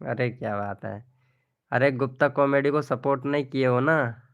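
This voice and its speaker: A man's voice: mid-range voice, moderate pace, narrow, tinny audio. A man hosting a live stream, chatting casually as he reads out viewers' comments, calling people by name and often laughing. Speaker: live stream host promoting channels.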